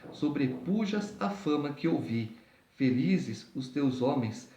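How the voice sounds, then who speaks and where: Pastor in an echoey room. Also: male voice, a little high, dark tone, recorded from a distance. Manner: reads scripture steadily, then explains in plain everyday asides. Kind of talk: Bible reading with explanation. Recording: echoey room, voice away from mic.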